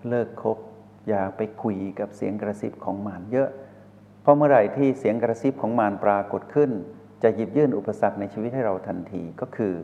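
A man giving a slow, measured dharma talk as a spiritual teacher, posing rhetorical questions to listeners. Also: lowish voice, gravelly, slight background noise. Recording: reverberant hall over a tinny phone-like line.

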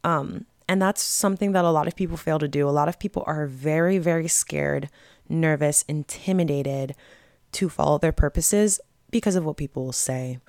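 Young woman host, low and gravelly, earnest encouraging tone, dry close sound. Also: normal speed, darkish tone, no echo. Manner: earnest, encouraging, faith-based advice with casual fillers. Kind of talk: casual motivational talk.

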